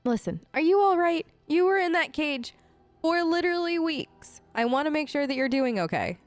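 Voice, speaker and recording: A woman with a high-pitched, animated voice talks at a normal speed, improvising casual, chatty, slightly hesitant replies as her player character. She's a gaming host doing a role-play let's play, recorded dry with game music in the background.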